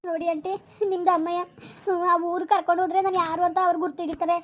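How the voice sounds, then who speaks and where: Woman acting as a lost young village girl, begging, high voice, fast. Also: little pitch movement, dull audio. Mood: pleading. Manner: begging, tearful pleading.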